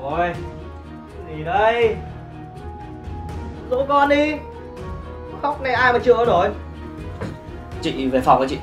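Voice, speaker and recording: A man's voice: high-pitched, sing-song, slow pace, pauses often, heavily acted. An actor playing an impatient young husband who complains irritably about his wife and crying baby. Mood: irritated. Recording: roomy, with music underneath.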